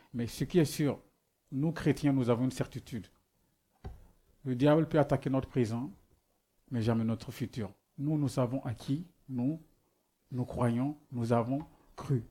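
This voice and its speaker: A man whose first language isn't French preaches a sermon in a dark, medium-pitched voice. He poses rhetorical questions and keeps restarting as he hunts for the right words.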